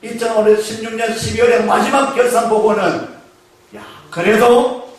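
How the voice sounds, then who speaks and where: A pastor with a high voice preaches a sermon in a church sanctuary, using call-and-response and questioning the congregation. His delivery is flat, though he slows down to stress key phrases. The echoey hall is captured by a distant mic.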